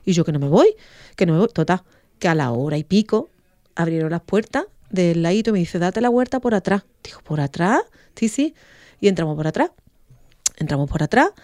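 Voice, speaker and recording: A woman's voice: fairly low pitch, a little fast, no room sound, clean studio sound. A woman, a radio guest telling an emotional story and acting out the quoted voices. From Andalusia, Spain. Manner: animated, acts out quoted dialogue.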